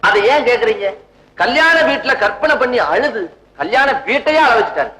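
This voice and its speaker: An actor playing a polite, chatty family friend in an old film comedy. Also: male voice, extremely high pitch, lively intonation, moderate pace, sharp tone, exaggerated voice. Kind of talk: 1960s film comedy acting. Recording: echoey old film soundtrack.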